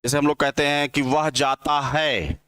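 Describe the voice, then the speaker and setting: Slow dictating male Hindi tutor, dry sound. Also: a little high, fairly even intonation, sharp tone, clear, resonant tone, no echo. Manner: slow dictating, repeating lines for notes; spells out vowel sounds one by one. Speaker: Hindi grammar teacher. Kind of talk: exam-prep lecture with dictation.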